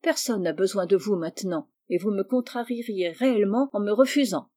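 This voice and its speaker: A woman voicing a kind, jovial middle-aged uncle in a read-aloud story, hurried and coaxing. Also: medium pitch, dark tone, natural voice. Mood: urging.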